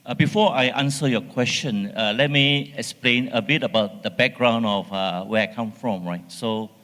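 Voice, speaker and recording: Man from johor, panel speaker, measured emphatic delivery, long hall reverb, mid pitch. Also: a bit bright. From Johor, Malaysia. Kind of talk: panel discussion remarks. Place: conference hall.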